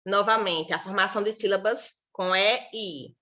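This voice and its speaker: A woman's voice: mid-range voice, moderate pace, sharp tone. A Brazilian Portuguese woman teacher giving a recorded class, explaining patiently and repeating syllables and example words one by one.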